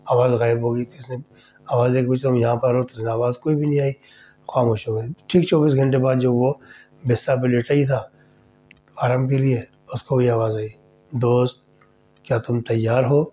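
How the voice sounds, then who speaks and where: A man's voice: medium pitch, fairly even intonation, slight background noise. Conversational male horror storyteller. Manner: conversational, addresses listeners directly. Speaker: storyteller host. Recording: dull lo-fi recording.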